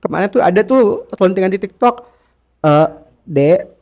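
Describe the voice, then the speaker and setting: His voice sits high with a darkish tone, and he keeps a moderate pace. He's a man from Jakarta appearing as an interview guest, loose and slangy, circling back over his phrases as he confesses things with feeling in casual talk.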